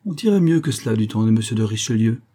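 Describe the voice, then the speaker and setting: A man's voice: on the low side, animated, fast talker, warm tone. Porthos, a boastful hulking musketeer, read by a man. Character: boastful, slow-witted burly male musketeer.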